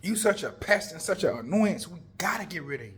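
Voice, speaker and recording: A man's voice: sits high, fairly quick. Slangy man retelling a Bible story. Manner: slangy, animated, conversational.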